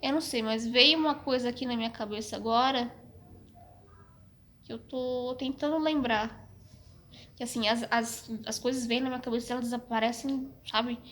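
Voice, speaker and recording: Talking frankly to the camera, this young Brazilian Portuguese-accented woman shares a casual personal story as a vlogger, hesitating, restarting often, and coughing slightly. She speaks at normal speed in a fairly high, fairly bright voice with fairly even intonation.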